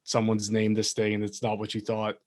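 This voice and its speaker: A man's voice: fairly low pitch, completely flat delivery, brisk, darkish tone. A man co-hosting a podcast, chatting casually and thinking aloud with many fillers. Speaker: podcast co-host. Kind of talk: casual chat.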